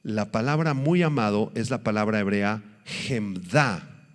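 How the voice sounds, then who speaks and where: A pastor delivering a sermon, teaching in an animated way and slowing down to stress his points. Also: on the low side, big-room sound. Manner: animated preaching, acts out quoted voices, slows for emphasis.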